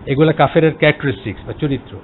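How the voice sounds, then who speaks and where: A man's voice: a little high, very fast. A man with a Bangladeshi Bengali accent giving an explanatory religious lecture, hesitant, with many filler sounds and English words mixed in. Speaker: Islamic lecturer. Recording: tinny phone-like line, faint noise.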